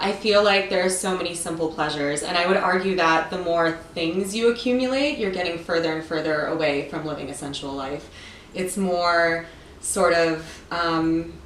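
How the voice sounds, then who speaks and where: A woman from Ukraine talking as a guest in a relaxed chat, easygoing and thoughtful, with loose asides. Her voice sits a bit low and sounds set back from the mic in an echoey room. A faint hiss runs under it. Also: far from the mic. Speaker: guest, TV producer. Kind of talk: casual chat. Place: friend's home.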